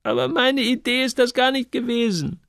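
A man voicing a tearful, defiant teenage girl in a high, pleading voice for an audiobook. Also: moderate pace, gravelly, fairly bright tone, dry recording, studio quality, heavily acted. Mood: remorseful.

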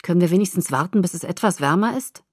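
A woman voicing a playful, easygoing teenage boy who talks low and softly. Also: expressive, fast talker, dry recording, clean studio sound. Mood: casual. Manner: low, soft-spoken.

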